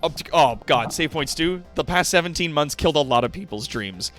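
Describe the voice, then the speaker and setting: Faint music plays behind this online entertainer's fairly bright, a little high, expressive voice as he chats a little fast with his livestream viewers. Rambling and profane, he's also effusively grateful to the people watching.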